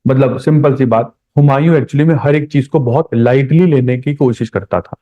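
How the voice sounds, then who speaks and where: A man's voice: medium pitch, normal speed. Man lecturing on history, lo-fi. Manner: conversational, addresses students directly, repeats key points. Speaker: history teacher. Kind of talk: classroom lecture. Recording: dull lo-fi recording.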